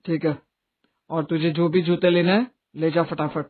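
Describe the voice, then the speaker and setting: A woman's voice: low voice, steady tone, moderate pace, dry recording. A woman playing a newly married young man, a stern elder brother who lectures. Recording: distant, tinny phone-like audio.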